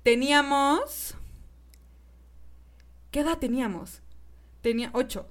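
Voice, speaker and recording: A woman's voice: sits high, slow. Bubbly Mexican woman telling stories. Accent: Mexican Spanish. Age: 20s. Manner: lively storyteller who laughs often. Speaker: podcast host. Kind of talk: casual chat.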